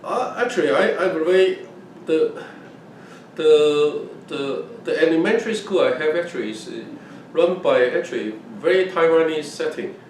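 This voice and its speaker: Recorded at a distance in an echoey room with faint noise, this oral history clip features an older man from Hong Kong, a native Fujianese (Minnan) speaker, casually recounting his youth. He speaks at a normal speed in a fairly high voice with lively intonation, frequently restarting and repeating himself.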